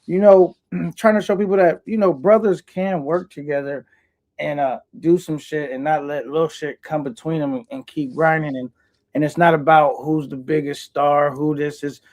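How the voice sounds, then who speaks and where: A man's voice: on the high side, steady tone, normal speed, a little mellow. A man co-hosting a livestream over headset audio, laid-back and rambling, reading viewer comments aloud. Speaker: livestream co-host reading chat. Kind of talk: casual livestream talk.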